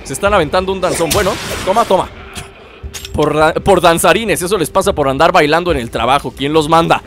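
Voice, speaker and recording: A man's voice: fairly high pitch, fairly quick. A young man commenting on his gameplay in a playful, taunting way, with lots of exclamations. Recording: game music mixed loud under voice. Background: game music.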